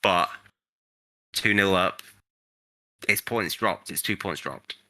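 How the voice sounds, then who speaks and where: A man's voice: low-pitched, takes it slowly, no room sound. A young man, co-hosting a casual football podcast, blunt and jokey with the odd swear word. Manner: blunt, animated, swears and jokes. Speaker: podcast co-host.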